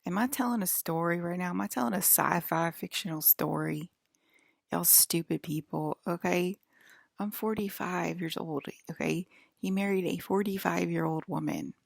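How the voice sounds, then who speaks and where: Low gravelly woman in her forties. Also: normal speed, dry recording, clean studio sound. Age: 40s. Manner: talks to viewers with frequent "okay?" and "right?"; defiant, scolding toward her audience. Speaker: vlogger. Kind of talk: rambling direct-to-camera monologue.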